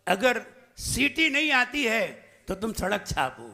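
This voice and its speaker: A man leads a teaching session. He has a high, bright voice and talks in an unhurried, measured way. He drills the listeners with questions and slows right down on single words to show how they should sound. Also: very animated. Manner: asks the audience questions and makes them repeat; swings between loud emphatic lines and soft asides. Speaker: Jain monk teaching a training camp. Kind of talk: sermon-style teaching.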